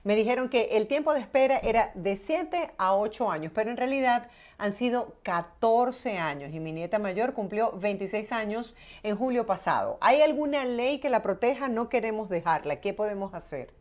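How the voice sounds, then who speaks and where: A woman hosting a live segment, reading viewers' questions aloud in a steady, measured way. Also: a little high. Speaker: host.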